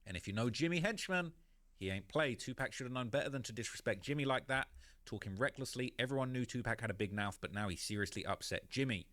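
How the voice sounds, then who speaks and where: A man's voice: mid-range voice, animated, fast, fairly bright tone, no echo. A man narrating a story in a conversational way, with many "you know" and "basically" fillers. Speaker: YouTube narrator.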